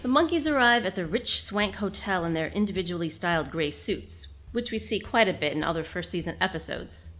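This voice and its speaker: Woman host reading her recap aloud; fond tone, low-pitched. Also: a bit bright. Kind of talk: scripted reading.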